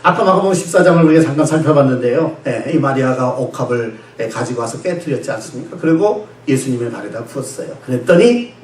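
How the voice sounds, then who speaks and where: A male pastor delivering a Sunday sermon, animated and laughing, who asks the congregation questions and answers them himself. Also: medium pitch, quick pace, hardly any pauses. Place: church sanctuary. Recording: echoey church sanctuary, distant mic.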